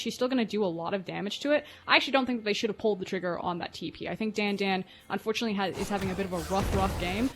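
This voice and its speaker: A woman's voice: medium pitch, slight background noise. A woman doing color commentary on a live esports match, chatty and analytical with laughing asides.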